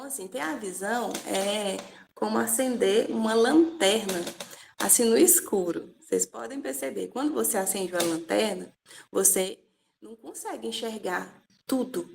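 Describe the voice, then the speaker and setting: A woman's voice: on the high side, gravelly. A woman with a Brazilian Portuguese accent giving an earnest, conversational personal testimony, often asking "né?" and "sabe?".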